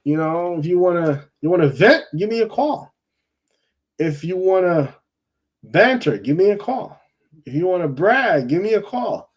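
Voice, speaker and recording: On his casual call-in football program, the Jamaican host rambles chattily and says things more than once. He has a high-sitting, husky voice and speaks in an animated yet unhurried manner.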